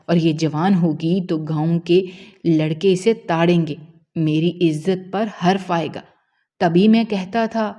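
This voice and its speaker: A woman voicing a cruel, angry village father who shouts harshly and scornfully in a storybook tale. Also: lowish voice, natural voice.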